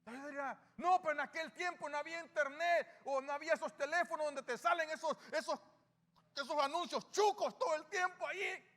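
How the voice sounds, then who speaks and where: Brisk and fairly bright, this pastor's extremely high-pitched voice carries a Salvadoran Spanish accent. He preaches a sermon full of questions to the congregation that he answers on his own, amid music in a reverberant church hall.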